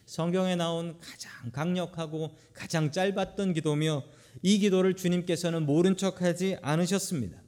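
Pastor, male, high-ish voice; dramatic sermon delivery with rhetorical questions and call-and-repeat prayers. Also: fairly even intonation, normal speed, a little mellow. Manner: dramatic, voice swelling on points and dropping low on quoted verses. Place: church, Friday prayer meeting.

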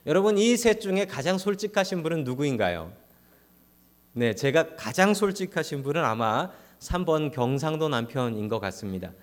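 A man's voice: on the high side, expressive, moderate pace. A man preaching a humorous Sunday sermon as pastor, speaking directly to the congregation and acting out quoted voices.

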